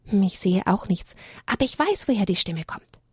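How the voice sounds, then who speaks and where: A woman's voice: mid-range voice, big pitch swings, moderate pace, breathy edge, dry recording, clean studio sound. A woman voicing an earnest, trusting young male animal in a children's story. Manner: earnest, soft-spoken.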